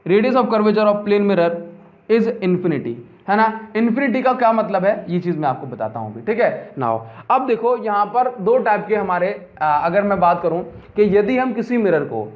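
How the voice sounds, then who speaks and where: A man teaching a physics lesson, who keeps repeating key terms and asking his students whether they have understood. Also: high voice. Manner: mixes in English terms, asks and answers his own questions. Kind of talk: classroom lecture. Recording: dull lo-fi audio.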